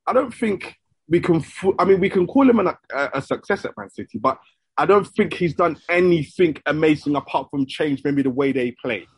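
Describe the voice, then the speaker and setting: Husky young London roadman chatting. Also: on the high side, animated, normal speed, dry recording. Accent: London, urban roadman slang. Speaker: football podcast panellist. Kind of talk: casual chat.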